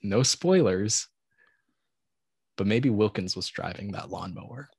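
A man's voice: on the low side, a little slow, a little mellow, breathy edge, dry recording, clean studio sound. A man hosting casual, humorous commentary on old commercials in a wry, mock-analytical way. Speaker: host.

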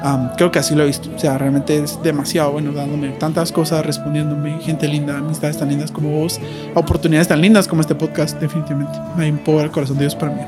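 A man's voice: fairly high pitch, little pitch movement, fast, over music. A man, a guest on a casual faith podcast, telling personal stories in an earnest, chatty way with lots of fillers.

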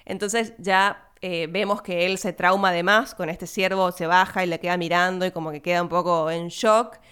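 A young Argentine woman, not from Buenos Aires, hosting a podcast and chatting casually about a film, laughing and speaking quick asides to her listeners. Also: fairly low pitch, fairly even intonation, fairly bright tone, smooth. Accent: Argentine Spanish, not Buenos Aires. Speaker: podcast host.

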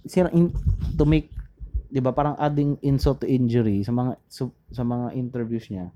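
A man casually talking through history, rambling and pausing to search for names, mixing English into his Tagalog. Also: mid-range voice, steady tone, warm tone, lo-fi sound. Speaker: podcast co-host.

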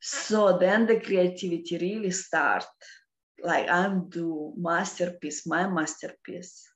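A woman with a Russian accent explaining philosophical ideas off the cuff in halting non-native English. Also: fairly low pitch, fairly even intonation. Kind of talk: unscripted philosophical explanation in conversation. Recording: roomy, echoing sound.

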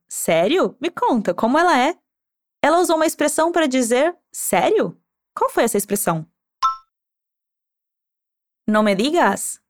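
A woman with a high, very lively voice leads a language lesson. She models each phrase slowly and patiently, then prompts the learner to repeat it. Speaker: Spanish teacher.

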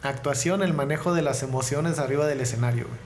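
A man's voice: mid-range voice, quick pace. A man with a northern Mexican accent chatting casually and telling stories, slangy and profane, repeating words for emphasis. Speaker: comedian, podcast guest. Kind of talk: casual conversational storytelling. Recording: roomy echo, clear background noise.

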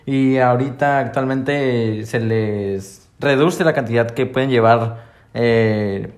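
A man's voice: mid-range voice, slow pace. Slangy Mexican man telling a story. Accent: Mexican Spanish. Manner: animated storyteller, acts out quotes in raised voice, slangy. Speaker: store employee. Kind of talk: casual conversation.

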